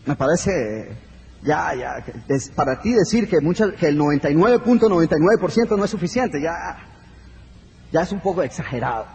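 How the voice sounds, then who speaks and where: A man's voice: on the high side, expressive, moderate pace, gravelly, darkish tone, in a large hall, slight background noise. A man voicing a doubting friend who objects politely, hesitant and apologetic. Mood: skeptical.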